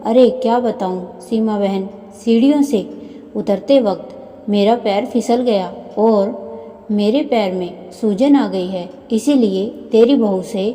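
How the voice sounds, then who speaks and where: Woman doing a loud complaining neighbor lady. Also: mid-range voice, slow pace, lightly acted. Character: gossipy middle-aged neighbor woman. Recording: long hall reverb.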